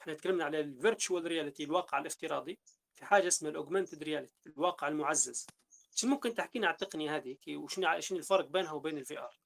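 A man's voice: fairly high pitch, racing, creaky, a bit bright. A man with a Libyan Arabic accent hosting a casual podcast conversation, talking through ideas at length and often restarting his sentences. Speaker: podcast host.

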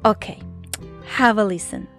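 Slow-talking mom with an accent. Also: female voice, mid-range voice, fairly bright tone, soft background music. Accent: non-native English. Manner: slow and careful, laughing often. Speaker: mother and vlogger. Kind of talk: casual talk to camera.

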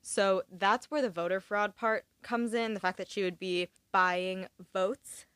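A woman's voice: mid-range voice, fairly even intonation, unhurried, a bit bright, clear, resonant tone, no room sound. A young woman from California in her twenties hosting a casual chat, with chatty, dryly sarcastic asides.

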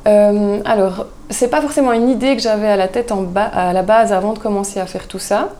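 A woman, a guest chatting casually in an interview, relaxed and thoughtful with frequent hesitations. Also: mid-range voice, a little fast. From Switzerland. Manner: relaxed, thoughtful, many hesitations, laughs easily. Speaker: guest, soap maker.

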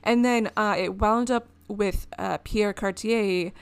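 A woman's voice: medium pitch, fairly even intonation, slow, clear, resonant tone, dry recording. A woman co-hosting a podcast, telling a history story in a rambling, casual way and laughing often. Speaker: podcast co-host.

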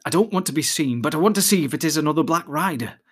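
A man voicing a cautious young male hobbit in a storybook reading, speaking quietly and evenly. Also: fairly high pitch, expressive, quick pace. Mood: hushed, cautious.

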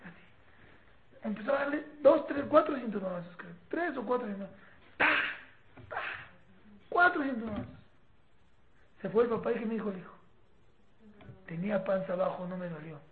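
A woman with a Mexican accent teaching a parenting class in a lively, informal way, acting out parents and children and often repeating herself. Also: fairly high pitch, moderate pace, pauses often. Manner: animated, acts out parents and children, repeats words. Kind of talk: informal class talk with students. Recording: echoey room, tinny phone-like sound.

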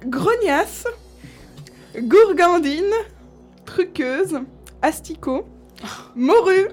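A woman's voice: very high voice, lively intonation, very slow, a little mellow, soft background music. A woman host in casual chat, listing old slang words with amusement and frequent laughs.

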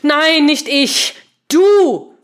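A woman reading a story voices an angry female programmer in a loud, high, exasperated voice. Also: expressive, moderate pace. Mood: furious. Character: furious young female programmer.

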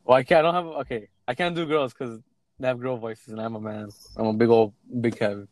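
A man's voice: medium pitch, fairly even intonation, a little fast, darkish tone, no echo, poor audio. A young man co-hosting a casual chat, joking around and slipping into silly voices. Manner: joking, playful, jumps into silly put-on voices. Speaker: podcast co-host.

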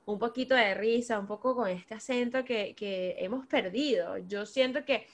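A woman from Venezuela hosts a casual podcast conversation. Her voice sits a little high, and she gushes openly about her guest. She strings thoughts together with relaxed fillers. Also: normal speed. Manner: warm, effusive praise with frequent "o sea" fillers. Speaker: podcast host.

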